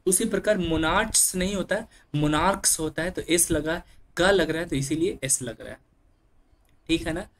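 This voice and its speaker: Higher-pitched male teacher, patient and explaining. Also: normal speed, a bit bright. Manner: explains patiently, often says "dear children"; clears his throat now and then. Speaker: English teacher. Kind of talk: classroom grammar lesson.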